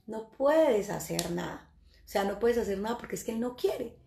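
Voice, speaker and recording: A woman's voice: on the high side, expressive, normal speed, gravelly, warm tone, far from the mic, a little hiss or hum. A mocking evil spirit gloats and taunts, as a Colombian woman puts it on while telling her story. The voice rises a little above her usual speaking voice. A roomy echo hangs around it. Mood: taunting. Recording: echoey room.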